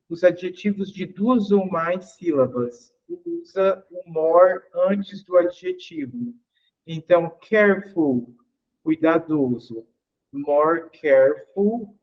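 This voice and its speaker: A man's voice: high-pitched, expressive, takes it slowly, dull audio. A man teaching English grammar in an online class. He explains patiently, asks the class questions and repeats each example.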